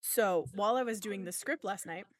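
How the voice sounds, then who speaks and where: A woman's voice: mid-range voice, normal speed, dry recording, clean studio sound. A woman in her thirties hosting a podcast, telling a story in casual chat and acting out the back-and-forth dialogue with free swearing. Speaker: podcast host.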